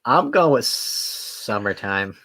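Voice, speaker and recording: Lowish, easygoing male co-host; relaxed, fact-sharing banter. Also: takes it slowly. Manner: easygoing, explains facts, hedging fillers. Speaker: podcast co-host. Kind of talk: casual banter.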